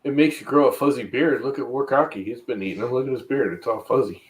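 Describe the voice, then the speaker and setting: A man in his fifties talks in a casual group chat. His voice is mid-pitched. He is blunt and quick to rant, with swearing dropped in casually. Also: rough recording. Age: 50s.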